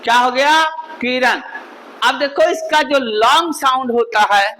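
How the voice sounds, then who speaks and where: Slow high-voiced male teacher. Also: sharp tone, poor audio. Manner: drills with repeated questions and answers. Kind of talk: spoken spelling lesson to a class.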